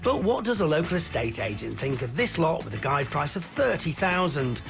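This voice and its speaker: A man's voice: a little high, sing-song, moderate pace. A man narrating a property show in a scripted voice-over. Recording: voice-over with clear music behind.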